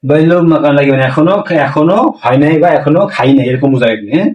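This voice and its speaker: A man's voice: a little high, distant mic, highs cut off. Man teaching a language lesson, roomy echo. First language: Bengali. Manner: repeats words slowly to drill pronunciation.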